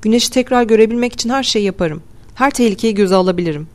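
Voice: mid-range voice, lively intonation, rapid-fire, a little mellow, natural voice. A reader voicing a frightened woman who is desperate to see the sun again, speaking urgently in an audiobook.

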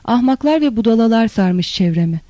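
A narrator voicing a hot-headed, bullying army captain who barks orders and shouts curses, in an audiobook reading. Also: medium pitch, expressive, brisk, no echo, natural voice. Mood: scornful.

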